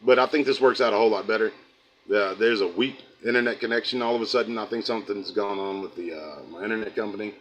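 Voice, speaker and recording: A man's voice: lowish voice, fast, fairly bright tone, slight background noise, rough recording. Folksy American man preaching to his stream. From United States. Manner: folksy, rambling, drifts into preaching. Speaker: host of a livestream channel. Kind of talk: casual livestream talk, reading chat.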